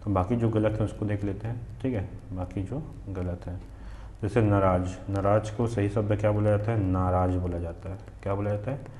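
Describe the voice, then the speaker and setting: A Hindi teacher from Chhattisgarh with a regional accent drills exam spellings, asking questions and answering them himself. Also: male voice, lowish voice, steady tone, fairly quick, dark tone, reverberant, a little hiss or hum. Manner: repetitive drilling, asks then answers himself. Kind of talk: spelling lesson for exam students.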